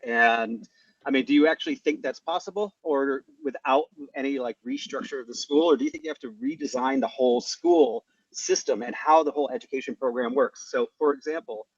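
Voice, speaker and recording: A man's voice: expressive, brisk, no echo. A man asking long, rambling questions on a casual online panel, through a headset on a weak connection that makes his voice thin and tinny, as if in a tin can. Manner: long rambling questions full of ums and uhs. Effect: thin tinny sound with no bass, like a tin can. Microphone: headset over a weak internet link. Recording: tinny lo-fi online call line.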